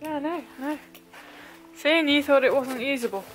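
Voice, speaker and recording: A woman casually chatting through a travel vlog, excitable and feeling the cold. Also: high-pitched, a little fast, faint music behind, poor audio. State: cold, freezing. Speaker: vlogger.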